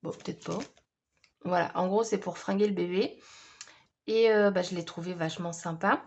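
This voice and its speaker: A woman's voice: lowish voice, steady tone, moderate pace, muffled recording. A woman chatting casually through a scrapbooking haul, hesitant and full of fillers. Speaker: scrapbooking vlogger.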